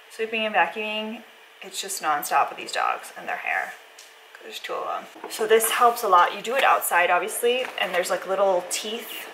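A woman's voice: fairly low pitch, pushed and bright. Young woman vlogger, noisy home recording. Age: young adult. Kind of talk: casual chat to camera. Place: room at home. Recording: noisy room sound.

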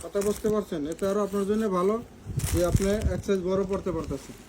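A man's voice: high voice, fast, noisy background. A man with a Bangladeshi Bengali accent, selling clothes in a live stream and often checking that viewers understand. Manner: repeats and checks the listener understands. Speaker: online clothing seller. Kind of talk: live sales pitch.

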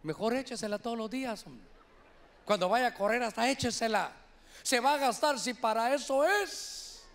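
A man's voice: very high-pitched, expressive, normal speed, a bit bright. A man preaching a sermon as an apostle, folksy and chatty, acting out little voices and calling listeners "brother". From Honduras. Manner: folksy, acts out voices, keeps saying "brother".

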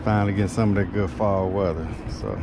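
A man's voice: low voice, fast. A man, an HVAC technician casually narrating his repair work on a rooftop while he keeps working. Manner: relaxed, talks while working with his hands. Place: outdoors on a commercial rooftop. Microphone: head-mounted action camera. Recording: loud machinery and wind noise. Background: loud rooftop AC unit and wind.

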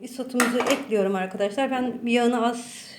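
A woman's voice: fairly high pitch, steady tone, fairly quick. Chatty woman in a roomy kitchen. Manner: chatty, addresses viewers as friends. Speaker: cooking channel host. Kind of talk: casual cooking tutorial. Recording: roomy echo, faint background noise.

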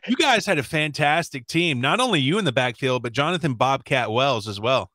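Speaking fairly quickly with lively intonation, this forties-aged sports show host interviews a guest casually, indoors at a streaming setup. Close-miked and upbeat, his mid-range voice is bright and forceful, emphatic, with no echo.

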